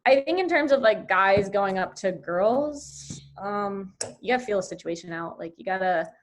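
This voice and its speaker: A woman's voice: mid-range voice, lively intonation, normal speed, a little hiss or hum. A young woman who is a podcast guest, chatting casually in a teasing, matter-of-fact way. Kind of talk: casual chat.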